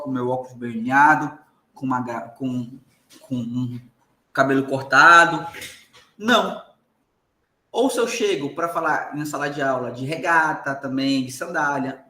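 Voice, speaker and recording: A man's voice: on the high side, bright, forceful tone, reverberant. A man with a Brazilian Portuguese accent giving a recorded lecture to law students, emphatic and often checking in with the class.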